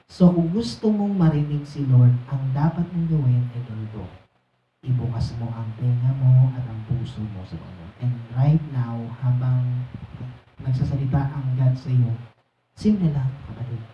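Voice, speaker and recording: A man with a high, thin voice preaching a sermon, urging his listeners, slipping English phrases in and pausing on "ano" fillers. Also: slight background noise. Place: church hall. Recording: echoey, distant and dull room recording.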